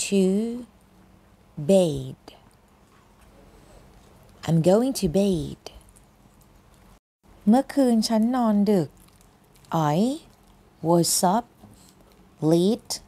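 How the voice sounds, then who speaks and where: A Thai woman teaching everyday English phrases, saying each word slowly one at a time and then repeating the whole phrase. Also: mid-range voice, lively intonation, gravelly, dark tone. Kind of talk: slow English phrase lesson.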